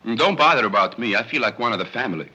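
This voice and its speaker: An actor playing a gloomy, theatrical foreign artist sponging off a rich family in 1930s screwball comedy banter, mournful and melodramatic. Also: male voice, mid-range voice, lively intonation, very fast, bright, forceful tone, slightly rough, highs cut off, full character voice. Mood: aggrieved.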